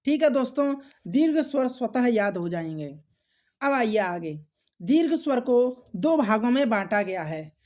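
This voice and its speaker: A woman teaching an exam-prep grammar lesson, repeating key points and answering her own questions, clearing her throat often. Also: on the high side, sing-song, a little mellow. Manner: slow, repetitive, asks and answers own questions; addresses viewers as friends.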